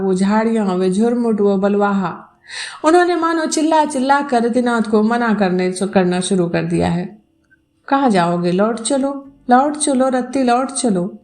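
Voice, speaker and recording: A woman narrating a Hindi novel episode in a slow, measured storytelling voice. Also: on the high side, darkish tone. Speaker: audiobook narrator. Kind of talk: scripted narration.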